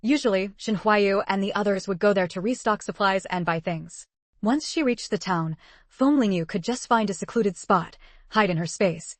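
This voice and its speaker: A woman narrating an audiobook in an even, steady way at a middle pitch. The sound is dry and close, with no room around it. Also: no room sound.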